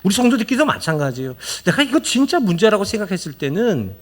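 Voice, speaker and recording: A man's voice: sits high, quick pace. A man preaching a sermon as pastor, earnest and urging, often acting out the voices of church members. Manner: animated, acts out quoted voices of church members; earnest, explaining and urging the congregation.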